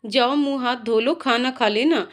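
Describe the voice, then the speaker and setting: A woman's voice: on the high side, moderate pace, close to an everyday voice. A woman voicing a caring, motherly sister-in-law who fusses over the family. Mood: concerned. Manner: fussing, motherly.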